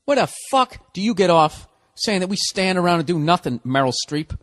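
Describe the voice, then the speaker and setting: A man's voice: high-pitched, animated, moderate pace, dry recording, studio quality. Profane, exasperated male ranter. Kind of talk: casual comedic rant.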